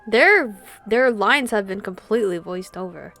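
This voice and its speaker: A gaming streamer plays a visual novel, reading its narration aloud and reacting expressively over the game music. Her medium-pitched voice has lively intonation and a sharp tone, and she speaks a little slowly.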